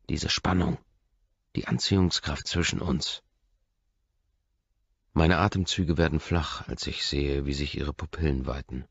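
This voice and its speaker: Male audiobook narrator, measured and softly intense; very low, gravelly voice. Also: no room sound, highs cut off. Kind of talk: first-person audiobook narration.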